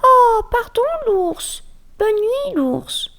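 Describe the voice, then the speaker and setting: A woman voicing a tiny, polite female mouse with a high, innocent little voice. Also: very animated, drawn-out words, a bit bright, exaggerated voice.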